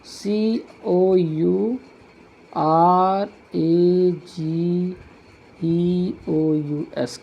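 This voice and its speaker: Mellow-voiced man teaching grammar patiently. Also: sits high. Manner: patient, repeats each point slowly while writing on a board. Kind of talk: classroom grammar lesson.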